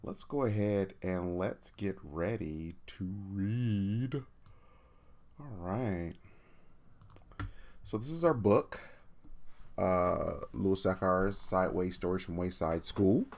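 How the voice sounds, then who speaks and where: Reading a children's book aloud during a livestreamed storytime, a low-pitched man chats informally and delivers the story with animated encouragement. He speaks slowly and leaves long pauses.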